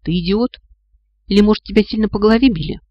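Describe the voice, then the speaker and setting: A man voicing a feisty, sharp-tongued young woman who scolds and mocks her companions, in a storybook reading. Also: high-pitched, lively intonation, moderate pace, no room sound, lo-fi sound. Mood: scolding. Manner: sarcastic, exasperated, scolding.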